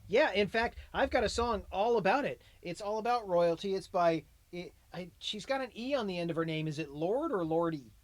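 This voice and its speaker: A man's voice: high-pitched, lively intonation, moderate pace, few pauses, dry recording. A man from the US co-hosting a silly music podcast, teasing and wisecracking. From United States. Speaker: podcast co-host. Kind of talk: silly casual chat.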